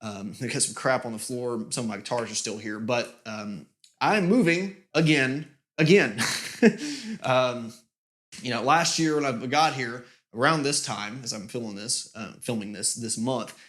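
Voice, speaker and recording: A man casually giving a channel update with lots of fillers, his voice booming with reverb in a nearly empty studio room. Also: unhurried, fairly bright tone. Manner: rambling, many fillers and restarts. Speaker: music channel host.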